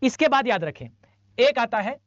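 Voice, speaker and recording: A man's voice: very high-pitched, lively intonation, normal speed, fairly bright tone, no room sound. A male teacher giving an online class lecture, drilling lists by repetition and mixing English phrases into his talk. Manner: drills lists by rote, repeating for students; mixes English phrases into Hindi. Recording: dull dry lo-fi mic.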